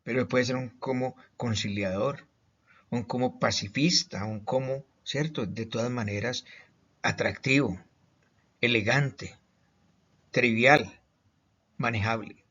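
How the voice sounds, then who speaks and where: A man's voice: medium pitch, takes it slowly, pauses often, fairly bright tone. A man from Colombia teaching a recorded online lesson, stressing each point with questions and repeated words. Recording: slightly muffled lo-fi audio.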